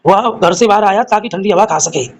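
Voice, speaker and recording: A man with a very high voice leads a live exam-prep grammar class. He reads out each quiz question and its options, then walks through the answer. He calls his students children in a fond, teacherly way. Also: fairly quick, low-quality recording. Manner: addresses students fondly as children.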